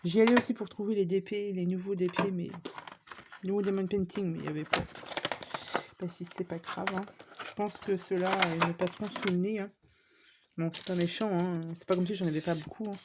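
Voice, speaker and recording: A scrapbooking vlogger chats casually with viewers while showing off craft supplies she bought, filling her talk with fillers and little asides. Her fairly low voice is steady and brisk, and the background is noisy.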